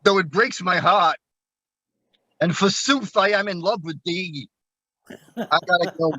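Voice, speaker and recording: A harsh-voiced Brooklyn gangster, put on by a man telling a story during a magic act, swears old-fashioned love in a tough, loud voice. The whole thing is played as comic mock-romance. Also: sits high, measured pace, dry recording, exaggerated voice, poor audio. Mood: mock-tender. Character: lovesick male American gangster talking old-fashioned English.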